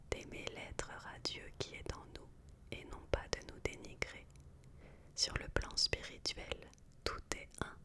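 Library whisper, fully unvoiced, slow pace, soft ASMR book reading, measured pauses.

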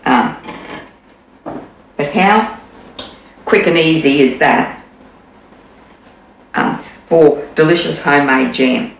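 Older aussie lady showing a recipe in her kitchen, bit gravelly, echoey room. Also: deep voice, expressive. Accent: Australian. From Australia. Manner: chatty, unhurried, many ums and restarts. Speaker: cooking demonstrator. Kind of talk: casual cooking demo. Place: home kitchen, indoors. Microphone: camera in front, mid distance. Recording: echoey kitchen, faint background noise.

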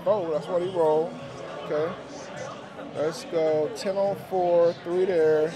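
Speaking slowly in a slightly high voice with fairly even intonation, a man vlogs his gambling for viewers amid the music and crowd chatter of a busy casino floor. His commentary is casual and slangy, with numbers and phrases frequently repeated.

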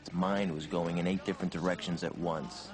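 An actor voices a grim mobster narrating in film voice-over, flat and matter-of-fact. His voice is very low, with guitar music underneath. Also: fairly quick, lightly acted.

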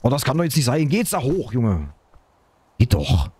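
A man commenting on his own survival game play, excitable, talking to himself and his viewers. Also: medium pitch, moderate pace, breathy edge. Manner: excitable, talks to himself and viewers, frequent exclamations. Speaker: gaming YouTuber.

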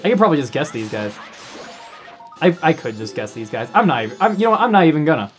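A man's voice: fairly high pitch, very animated, quick pace, soft background music. A man hosting a let's play, chatting casually as he plays and repeating words while he thinks aloud. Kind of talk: casual gameplay commentary.

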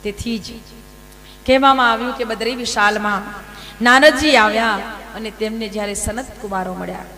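A woman telling devotional scripture stories as a sermon, lively, with rhetorical questions and acted quotes. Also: fairly high pitch, normal speed, long reverb tail, a little hiss or hum, low-quality recording. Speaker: religious storyteller. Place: large hall at a temple event.

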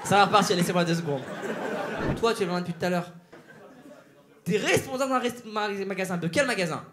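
A male stand-up comedian doing crowd work on stage, teasing audience members with quick banter. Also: high-pitched. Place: theater stage before a live audience. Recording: live show with loud audience laughter and noise.

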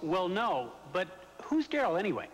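A man's voice: sits high, big pitch swings, normal speed, background noise. An actor playing a naive, curious everyman customer in a scripted infomercial comedy, questioning and easily confused. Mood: puzzled. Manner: questioning, puzzled.

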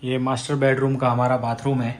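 A man in his thirties, from India and raised in Rajasthan, gives a casual house-tour vlog of his apartment, chatting as he guides viewers room by room on a handheld phone. His mid-range voice is a little mellow, level in tone, and a little fast.

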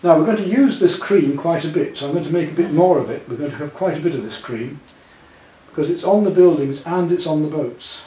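Indoors at home, a sixty-something man calmly shows a student how to paint, reassuring them as he goes step by step. His voice is mellow and a little high, and he speaks briskly. The camera sits a few feet off, giving a distant, roomy sound with noise behind it.

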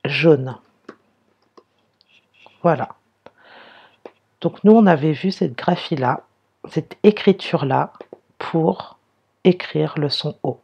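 A primary school teacher giving a slow, careful reading lesson to young pupils, sounding out and spelling words one by one. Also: mid-range voice, gravelly, breathy edge, muffled recording.

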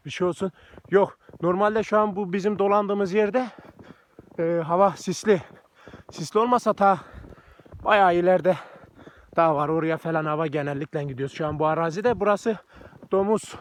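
High-voiced man chatting on a snowy walk. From Turkey. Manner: chatty, coaxing praise to his dogs. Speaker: village farmer vlogger. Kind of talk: casual walking vlog. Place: outdoors in snowy countryside.

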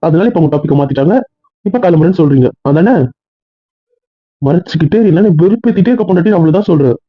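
A man playing a jealous, short-tempered young husband on a phone call, talking in a demanding, nagging way with a husky voice. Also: on the high side, lively intonation, very fast. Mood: angry. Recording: tinny phone line.

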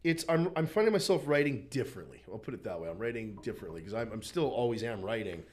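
A man's voice: medium pitch, fast. A man, a stand-up comedian, telling a story in casual chat, acting out the voices of the people in it. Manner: animated storyteller, acts out voices, frequent restarts.

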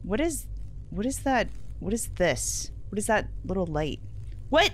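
A woman's voice: medium pitch, very animated, a little slow, slight background noise. A young woman playing a horror game, talking to herself nervously, swearing, and dropping to whispers when scared. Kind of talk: let's play commentary.

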